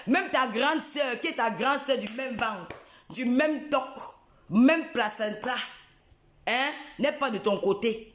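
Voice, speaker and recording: A man's voice: very high voice, fairly bright tone, echoey room. A man, ranting in a live video in a taunting, repetitive, mocking way. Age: 40s.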